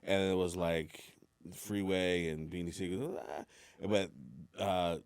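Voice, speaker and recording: A man's voice: deep voice, fairly even intonation, slow, smooth, no room sound. A man hosting a podcast, telling stories in a laid-back, rambling, casual way in a studio. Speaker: podcast host.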